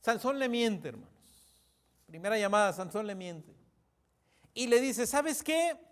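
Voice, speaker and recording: A man preaching a sermon as pastor, emphatic, repeatedly calling out to the congregation, with sudden drops to a hushed voice. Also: high voice, expressive, unhurried.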